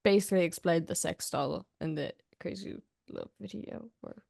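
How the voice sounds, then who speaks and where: A young woman interviewing a guest in a casual chat, soft-spoken and filling her talk with "like". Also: lowish voice, normal speed, gravelly, no echo, clean studio sound. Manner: soft-spoken, heavy use of "like".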